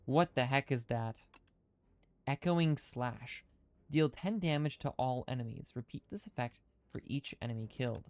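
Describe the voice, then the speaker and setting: A man's voice: medium pitch, animated, moderate pace, darkish tone, no room sound. A man live-streaming a video game, thinking aloud through his moves and chatting with viewers, with his speech a little hindered by dental retainers. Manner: thinking aloud, chatty, reads chat comments. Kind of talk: casual live-stream commentary.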